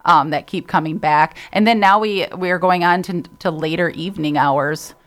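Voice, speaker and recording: A woman's voice: on the low side, normal speed. A woman who volunteers for a festival, talking as a guest in a casual interview in an upbeat way. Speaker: festival committee member, guest.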